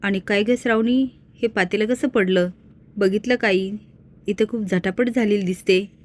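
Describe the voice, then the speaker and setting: A woman's voice: medium pitch, steady tone, moderate pace, close to an everyday voice. A woman narrator voicing a needling housewife who taunts her relatives. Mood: taunting.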